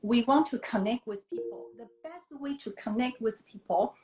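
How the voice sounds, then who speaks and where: Joining a live-streamed interview by video call, a Taiwanese-born woman who writes children's books speaks at normal speed in a slightly high voice with a darkish tone. Her room sounds echoey. She comes across as earnest and thoughtful, using many fillers and somewhat non-native phrasing.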